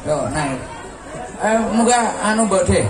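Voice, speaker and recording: A man's voice: high voice, lively intonation, slow. Joking Javanese-accented male co-host, echoey PA. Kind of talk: casual bantering stage announcing. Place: outdoor stage at a community event. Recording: echoey distant outdoor PA, crowd noise.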